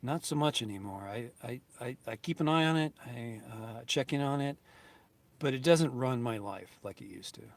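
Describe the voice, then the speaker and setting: A man's voice: mid-range voice, lively intonation, normal speed, no room sound. A man in his fifties talking casually to his viewers, earnest and grateful, rambling with many restarts and fillers. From United States. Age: 50s. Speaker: YouTube channel host. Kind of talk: casual vlog talk to viewers.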